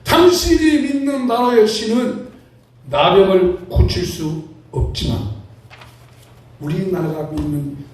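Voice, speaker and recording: A proud ancient king who shouts out his declarations, as a male preacher puts him on. The voice rides high, with a mellow edge. It rings through a very echoey hall, picked up from a distance. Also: lively intonation, takes it slowly, long pauses.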